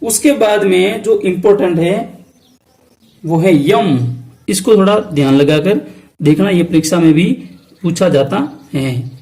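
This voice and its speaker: A man with a Rajasthani Hindi accent teaches an exam-prep lesson in a fairly high voice. He poses each question aloud and answers it himself, slowing to repeat key terms. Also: vocal fry, darkish tone. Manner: asks questions then answers them himself.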